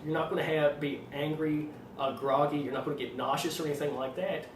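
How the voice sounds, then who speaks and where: A man with an Arkansas accent explaining things informally as a trainer, in a fairly monotone voice with a slight tendency to stutter. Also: a little high. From Arkansas, United States. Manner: self-described monotone delivery. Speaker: fitness trainer presenting supplement advice. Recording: roomy echo, distant mic, faint noise.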